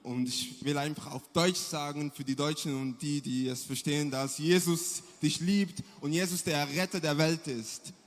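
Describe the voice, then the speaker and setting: A man from the congregation speaking slowly and deliberately. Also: on the high side, steady tone. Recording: long reverb of a large hall.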